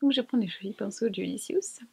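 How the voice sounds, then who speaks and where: A woman's voice: mid-range voice, brisk, gravelly, mellow, husky. A young woman chatting casually to camera as she tests makeup, slangy and self-mocking. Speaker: beauty vlogger. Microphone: camera mic.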